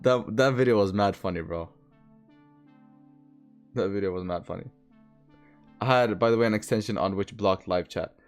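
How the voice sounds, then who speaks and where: A young man hosts a trading livestream, casually reading comments in a learned American accent; he's from Sweden, originally from Eastern Europe. His fairly low, clean-toned voice runs at normal speed with frequent pauses, slang, and repeated phrases, over soft background music.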